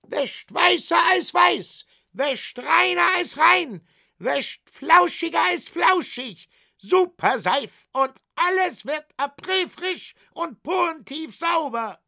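A man voicing a pushy, loud fairground soap seller in a children's story, with a high, hawking shout. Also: lively intonation, slow, creaky, no echo, clean studio sound, exaggerated voice.

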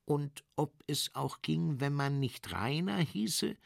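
A man's voice: fairly high pitch, expressive, slow, creaky, no echo, clean studio sound, pitched above the performer's own voice, full character voice. A man playing a naive friendly dragon. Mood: earnest. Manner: earnest, ponderous questions.

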